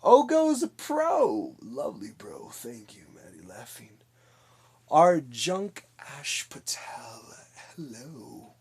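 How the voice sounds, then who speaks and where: A man in his twenties hosts a livestream while painting, chatting casually with viewers and giggling as he reads their messages. His mid-range voice is husky and darkish, slow, with huge pitch swings.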